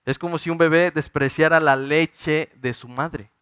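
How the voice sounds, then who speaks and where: A man's voice: a little high, steady tone, measured pace, a bit bright, clean tone, dry recording. A man in his thirties with a Mexican Spanish accent, preaching a sermon in an earnest, pleading way to his congregation. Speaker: pastor.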